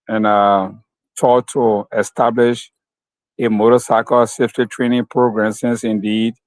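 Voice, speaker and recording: A man from Liberia with a Liberian English accent, answering interview questions slowly and carefully, with many fillers. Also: lowish voice, no room sound, rough recording. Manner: slow, measured, with many fillers. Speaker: guest, company founder.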